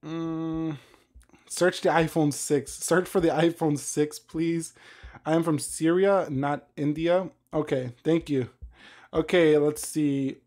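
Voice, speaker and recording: A man with a slightly raised pitch hosts a casual tech live stream. He talks loosely and chattily, picking up viewer comments as he goes. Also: fairly even intonation, slow, darkish tone.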